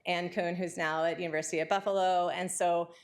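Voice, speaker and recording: A woman giving an academic lecture, talking quickly and excitedly with frequent fillers and restarts. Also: lowish voice.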